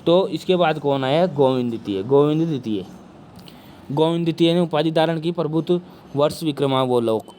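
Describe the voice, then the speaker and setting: With a medium-pitched voice kept soft because of a sore throat, a male teacher lectures on history for exam preparation. A slight hiss or hum is present, and he keeps answering his own questions.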